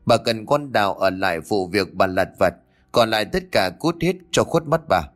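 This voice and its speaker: A man voicing a domineering middle-aged landlord's wife who scolds and gives sharp commands. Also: fairly low pitch, expressive, moderate pace, lightly acted. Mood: stern commanding.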